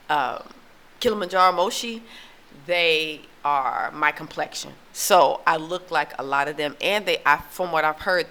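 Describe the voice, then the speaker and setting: An American woman who has relocated to Tanzania vlogs to her viewers in a rambling opinion monologue, full of fillers and restarts. Her voice is deep yet fairly bright.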